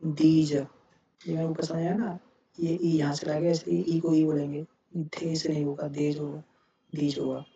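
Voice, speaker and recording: Male tutor, flat delivery, repeats words, dull lo-fi recording. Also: fairly high pitch, gravelly, slightly rough. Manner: repeats each word, contrasts wrong and right sounds. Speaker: English pronunciation teacher. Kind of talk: explaining word by word. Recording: dull lo-fi sound with faint noise.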